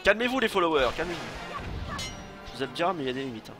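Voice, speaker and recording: Animated young man commenting gameplay. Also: fairly high pitch, fast. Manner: joking, animated, swears, talks to chat. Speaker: let's play streamer. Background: game music.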